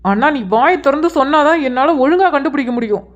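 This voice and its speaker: A woman's voice: high-pitched, expressive, fast, dull audio. A woman voicing an earnest young man who keeps pressing his elder sister with pleading, insistent questions in a cartoon. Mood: upset. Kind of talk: cartoon voice acting.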